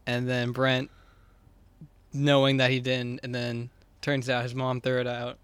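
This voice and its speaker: A man's voice: mid-range voice, monotone, unhurried, fairly bright tone, clear, resonant tone. A man co-hosting a podcast, chatting casually with a rambling style full of "like" and "just.". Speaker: podcast co-host. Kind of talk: casual chat.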